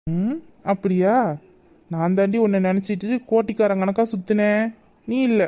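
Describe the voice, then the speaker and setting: A woman's voice: medium pitch, steady tone, moderate pace, dark tone, lightly acted. A woman voicing a hurt, proud young man in love, in a romantic audio drama, talking in a sulking, reproachful way. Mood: tender.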